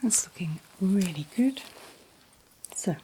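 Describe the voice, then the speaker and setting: A woman doing an ASMR role-play as a calm dentist, speaking in a breathy soft voice with gentle, reassuring, unhurried instructions. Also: mid-range voice, slight background noise. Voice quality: breathy, mostly unvoiced soft voice. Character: calm, attentive dentist soothing a patient. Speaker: ASMR performer playing a dentist.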